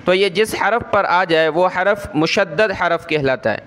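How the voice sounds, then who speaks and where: A man with a Pakistani Urdu accent giving a Quran reading lesson, explaining quickly and then drawing out each letter sound slowly. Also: high-pitched, lively intonation, fairly bright tone. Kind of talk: spoken lesson, spelling out Arabic letters.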